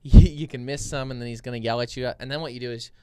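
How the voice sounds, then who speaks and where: A young man co-hosting a podcast, telling stories in a relaxed, animated way. He speaks into a boom mic in a small foam-lined studio. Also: fast, smooth, no room sound. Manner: animated, gestures with his hands while telling stories. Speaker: podcast co-host. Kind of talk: casual storytelling chat. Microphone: boom mic with headphones.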